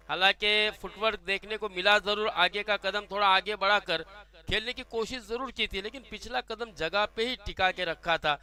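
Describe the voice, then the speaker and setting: A man with an Indian accent giving live, excited cricket commentary, effusive and dramatic as he calls the big hits. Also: high voice.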